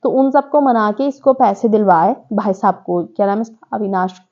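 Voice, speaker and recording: A woman's voice: mid-range voice, moderate pace, dull audio. A woman giving a chatty, opinionated recap of a reality show, talking straight to her viewers. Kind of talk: casual recap commentary.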